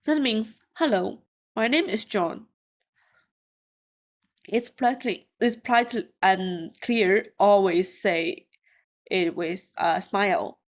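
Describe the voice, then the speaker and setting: A woman teaching a beginner lesson from slides, speaking English with small grammar slips and repeating each word slowly and clearly for learners. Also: medium pitch. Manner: slow, careful, repeats words for learners. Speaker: Mandarin teacher. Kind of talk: slide-based language lesson.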